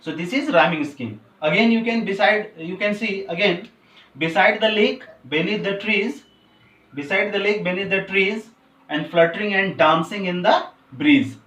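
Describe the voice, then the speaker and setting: A male teacher, explaining a poem to a class, who switches between slowly drawn-out English and quicker Hindi. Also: high-pitched, fairly bright tone, far from the mic. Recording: roomy, from off the mic.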